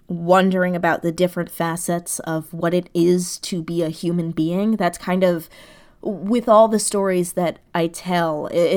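A woman who writes audio dramas appears as an interview guest, explaining her creative thinking in a casual, thoughtful way and searching for words as she goes. Her voice is on the low side with a somewhat dark tone.

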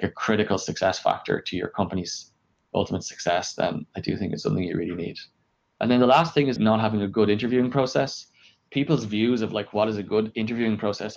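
Speaking fast in a voice on the low side, this man sounds like the highs have been cut from the audio. In a casual interview about his work history as an engineering leader, he makes his points forcefully, peppering them with "like" and posing rhetorical questions to himself.

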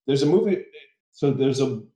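A man's voice: mid-range voice, animated, moderate pace, dark tone. Man ranting in an echoey room. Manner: opinionated, ranting. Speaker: podcast co-host. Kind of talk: casual podcast chat. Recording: roomy echo.

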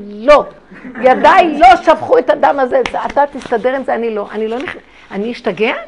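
A middle-aged woman giving a spiritual talk to an audience, telling her stories emphatically and dramatically, with big swings in loudness. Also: high-pitched, vocal fry. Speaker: religious speaker.

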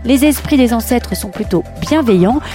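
A woman's voice: a little high, lively intonation, moderate pace, mellow, soft background music. A woman presenter delivering scripted explanatory narration.

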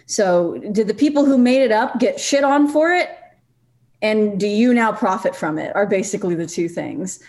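Woman panelist, mid voice, measured and thoughtful, walks through her points. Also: mid-range voice, darkish tone. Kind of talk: casual panel discussion.

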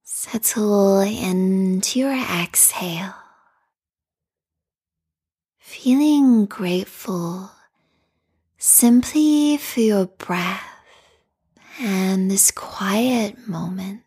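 A woman guides a meditation in a calm, meditative tone. Her voice is soft and whispery, full of breath. She speaks extremely slowly and soothingly, at a medium pitch. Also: slightly rough.

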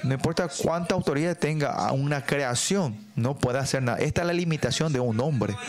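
A man preaching a sermon, reading scripture slowly and often adding tag questions and fillers. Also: mid-range voice. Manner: reads scripture slowly and deliberately. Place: church service.

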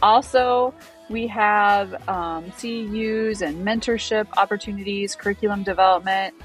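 With a steady tone and medium pitch, a woman co-hosts a podcast at a slightly slow pace while faint music plays behind her. Her casual chat rambles, with frequent restarts and self-deprecating laughter about her own nerves.

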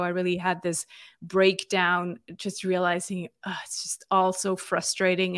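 Clean studio sound without room reverb carries a clear, resonant, medium-pitched and slightly bright female voice. The speaker, a marketing consultant from Switzerland in her forties, reflects on her story as an interview guest, conversationally and with plenty of fillers and little restarts.

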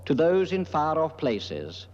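A genteel, earnest older priest in an old puppet drama. His voice is fairly high, on a dull soundtrack with faint music. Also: huge pitch swings, takes it slowly, darkish tone, heavily acted. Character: kindly older male priest, polite and earnest.

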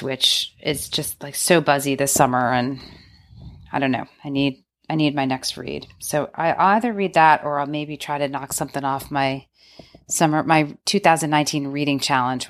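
Chatty low-voiced woman podcast host. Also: normal speed. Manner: chatty, rambling. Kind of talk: casual podcast chat.

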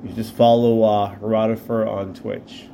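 A man's voice: on the low side, flat delivery, unhurried, background noise. A man co-hosting a casual podcast chat, playful and joking as he rambles. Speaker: podcast co-host.

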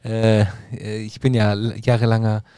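A man co-hosting a casual podcast, relaxed, with many short agreeing replies. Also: fairly low pitch, normal speed, smooth, no room sound. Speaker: podcast co-host.

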